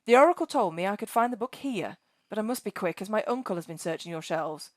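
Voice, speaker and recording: A woman voicing a scrawny, frightened young boy who speaks in a high, earnest and nervous way. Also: lively intonation, fast, dry recording, natural voice. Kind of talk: storybook reading.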